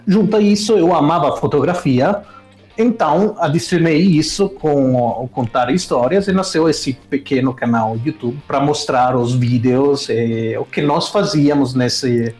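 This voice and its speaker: A man's voice: a little high, a little slow, darkish tone, roomy sound, soft background music. A man from Italy with an Italian accent, telling stories casually in an interview and often restarting his sentences. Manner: rambling, self-correcting storyteller. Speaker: streamer guest.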